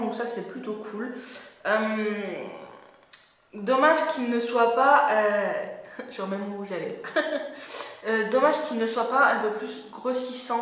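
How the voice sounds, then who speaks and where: A young woman with a fairly high voice reviews makeup in a relaxed, chatty way, pausing often on fillers. The room is very echoey. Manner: chatty and hesitant, many fillers. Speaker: beauty vlogger.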